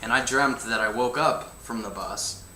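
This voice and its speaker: A man's voice: on the low side, normal speed, bright, forceful tone. A young man chatting casually on a livestream, telling stories in an easygoing way with hesitant fillers. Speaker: band member answering fan questions. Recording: roomy with faint hum.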